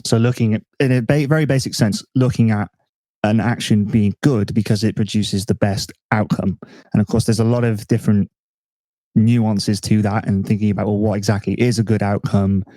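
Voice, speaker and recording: A man hosting a casual podcast chat, relaxed and self-mocking, thinking aloud with restarts. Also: fairly low pitch, normal speed, no room sound. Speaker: podcast host.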